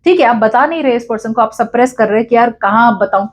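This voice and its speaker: A woman's voice: fairly high pitch, quick pace. A woman giving a casual tarot reading in mixed Hindi and English, talking directly and emphatically to the listener and acting out quoted lines. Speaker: tarot reader.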